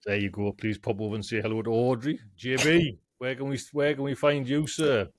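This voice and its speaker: A man's voice: medium pitch, steady tone, a little fast, no room sound, studio quality. A man hosting a casual gardening chat show, talking in a loose, rambling way. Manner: chatty, keeps asking "do you know what I mean". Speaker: host.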